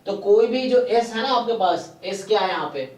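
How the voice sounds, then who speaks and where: A man's voice: high-pitched, animated. Man teaching statistics, roomy distant sound. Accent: Indian English terms mixed into Hindi. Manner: slow, deliberate explanation with frequent checking questions. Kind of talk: live online exam-prep lecture.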